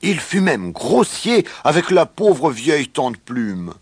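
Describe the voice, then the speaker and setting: A man reading a children's story aloud in an expressive way. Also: on the high side, slight background noise. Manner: slow, expressive read-aloud.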